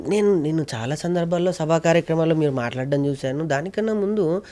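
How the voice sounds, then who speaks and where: A man's voice: a little high, fast talker, warm tone. A man, a mimicry artist and producer, talking emotionally and repeating himself for emphasis as an interview guest. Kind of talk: casual interview chat.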